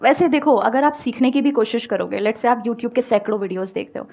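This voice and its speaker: A woman's voice: fairly high pitch, a little fast, vocal fry, darkish tone. A woman speaking as a guest on stage, giving advice to an audience and explaining with everyday examples, mixing in English phrases. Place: stage before a live audience.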